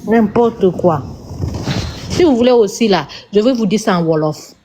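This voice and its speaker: Senegalese-accented woman, mid-pitched, lecturing hard with repeats, live-stream rant. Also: lively intonation, normal speed, noisy background. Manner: emphatic, lecturing, repeats herself.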